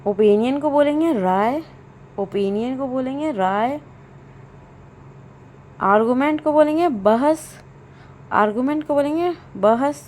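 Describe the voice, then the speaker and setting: A woman teaching English vocabulary, saying each word and its meaning twice in a slow, deliberate drill. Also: sits high, a little mellow, slight background noise.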